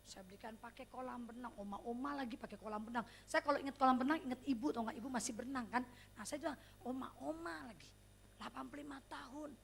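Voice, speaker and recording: A middle-aged woman preaching a sermon, speaking straight to her congregation and swinging between loud, emphatic exclamations and hushed, near-whispered lines. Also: a little high, fast, a little hiss or hum. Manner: addresses the congregation directly.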